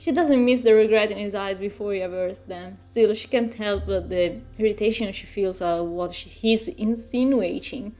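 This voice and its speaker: A woman's voice: mid-range voice, moderate pace, hardly any pauses, dark tone. A woman streamer reading a visual novel aloud, laughing often as she goes. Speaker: let's-play streamer.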